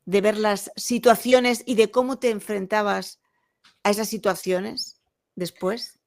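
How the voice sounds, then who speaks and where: Female interview host, mid-pitched, hesitant and winding questions. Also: fairly even intonation, unhurried, darkish tone. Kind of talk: conversational interview.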